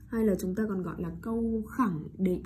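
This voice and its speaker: A woman's voice: mid-range voice, fairly quick, mellow, slight background noise. A woman English teacher giving a bilingual classroom lesson on intonation, checking in with her listeners and correcting herself as she goes. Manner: keeps checking in with listeners, repeats rhetorical tag questions; mixes in short English words and self-corrections.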